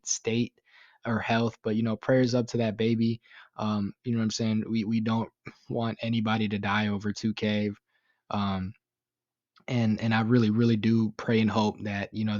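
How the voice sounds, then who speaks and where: A man's voice: fairly low pitch, a little mellow, no echo, highs cut off. A young man giving casual commentary on a news story, rambling with lots of fillers, swearing and sounding indignant. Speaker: YouTube commentator.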